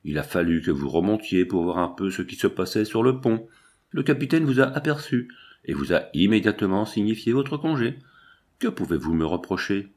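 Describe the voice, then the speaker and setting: A man reading a first-person novel aloud, with measured, coolly reasoning delivery. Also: fairly low pitch, lively intonation, a little mellow. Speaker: audiobook reader.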